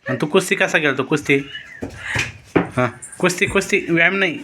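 A man's voice: a little high, brisk, heavy background noise. A man at home filming a small child, playfully coaxing with repeated questions. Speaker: parent filming a toddler.

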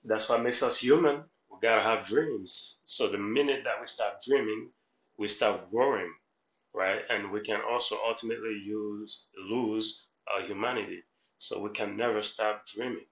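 In a lowish, fairly bright voice at a moderate pace, a Haitian life coach and reaction host in middle age offers motivational guidance. He repeats himself, instructs, and keeps checking in with whoever is listening. The sound echoes, as he's in a small room at home.

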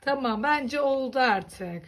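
A woman's voice: high-pitched, expressive, slow, noisy background. A woman hosting a children's toy channel, counting aloud and mildly fretting as the toy cars keep falling over. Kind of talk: toy play narration for children.

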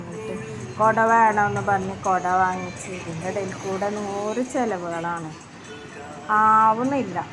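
A woman who runs a small tea shop vlogs casually to her subscribers, sounding tired and plaintive as she talks about running it with her kids. Her mid-range voice is a little slow, with music and traffic noise in the background.

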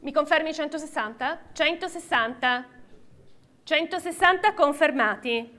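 A woman's voice: sits high, unhurried, bright, forceful tone. A middle-aged woman working as an auctioneer, calling and repeating bids in an auctioneer's chant at a live sale. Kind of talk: live auctioneering of classic cars. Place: large auction hall with seated audience.

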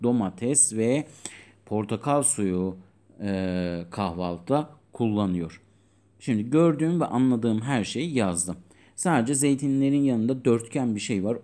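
Mellow-voiced male English teacher. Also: medium pitch. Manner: patient and explanatory, translating each English line into Turkish; reads English lines slowly with British-style pronunciation. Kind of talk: video lesson for school pupils.

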